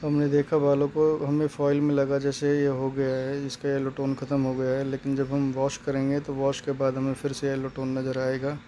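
A man's voice: mid-range voice, monotone, moderate pace, hardly any pauses, mellow, slight background noise. A man talking through a hair coloring job step by step in a plain, explanatory way. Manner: plain, explanatory, repeats steps. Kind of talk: step-by-step salon tutorial narration.

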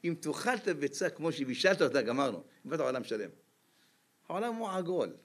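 A man giving a sermon as a rabbi, lively and full of rhetorical questions to his listeners. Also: a little high, breathy edge.

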